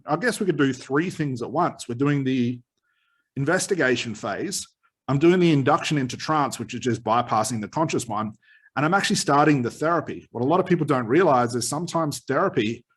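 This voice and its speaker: A man with a slightly husky voice giving an informal, explanatory lesson as a therapy trainer, rephrasing his key points as he goes. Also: medium pitch. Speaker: hypnotherapist trainer.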